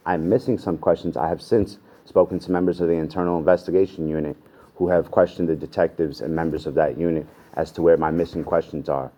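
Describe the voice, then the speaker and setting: A man's voice: sits low, steady tone, fast talker, mellow. A man representing himself in court, arguing insistently and objecting to the proceedings. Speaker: self-represented defendant. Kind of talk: courtroom argument.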